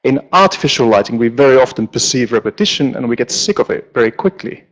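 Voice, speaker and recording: A man from Finland, a lighting designer giving a relaxed, joking conference talk with many ums, on stage in a large auditorium. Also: mid-range voice, fast talker, low-quality recording. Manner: relaxed, joking, with frequent fillers. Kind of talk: conference presentation.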